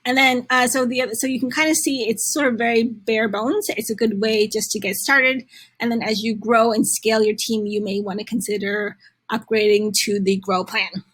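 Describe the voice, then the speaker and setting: A woman with a fairly high, husky voice and fairly even intonation presents a step-by-step software tutorial. She keeps it conversational but speaks haltingly, pausing often.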